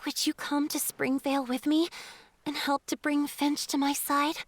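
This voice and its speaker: A woman voicing a gentle, shy water spirit in a video game, speaking softly and hesitantly. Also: high-pitched, little pitch movement, moderate pace, a little hiss or hum, lightly acted. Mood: resolved. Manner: soft, hesitant, breathy at times.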